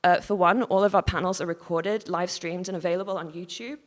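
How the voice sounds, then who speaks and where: A woman's voice: on the low side, fairly even intonation. Woman lecturing in a reverberant hall. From Hong Kong. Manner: measured, formal reading with occasional restarts and apologies. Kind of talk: reading a prepared conference lecture. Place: conference hall.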